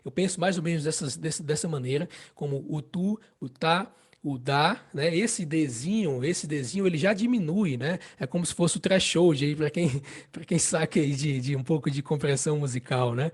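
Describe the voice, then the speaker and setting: A man's voice: a little high, darkish tone, husky. A man with a Brazilian Portuguese accent teaching harmonica in a casual spoken lesson, explaining patiently and often checking in with the listener. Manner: explains slowly, repeats phrases, checks with "né?" and "entende?".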